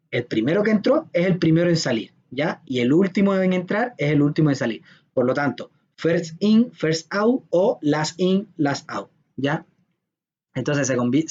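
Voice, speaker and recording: A man's voice: on the high side, a little mellow. A man giving an informal programming lecture in a chatty, joking manner, often checking that his students follow. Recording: dull lo-fi lecture recording.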